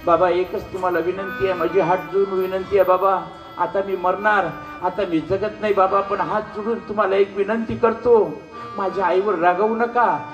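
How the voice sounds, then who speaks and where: Man playing a tearful small boy, pitched very high and pleading loudly, in an echoing hall with faint instruments. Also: steady tone, moderate pace, faint music behind, natural voice. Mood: dying plea. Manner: crying, pleading cries. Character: seven-year-old boy, pleading, dying, tearful.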